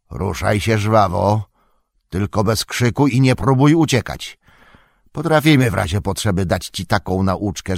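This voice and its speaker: A man voicing a brutal, commanding orc chieftain in an audiobook, with a hoarse, rasping voice and a threatening way of barking orders. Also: low-pitched, dry recording, studio quality.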